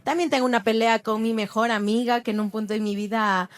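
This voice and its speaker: A woman's voice: a little high, fairly even intonation, brisk, no echo. A woman hosting a church podcast, chatting casually and asking her co-hosts questions. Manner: conversational, asks co-hosts questions. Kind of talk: casual chat.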